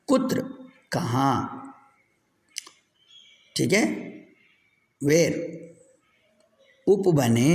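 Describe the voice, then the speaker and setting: A man's voice: a little high, creaky, darkish tone. A male Sanskrit teacher, drilling words and answering his own questions in a recorded class lesson. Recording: echoey room with long reverb.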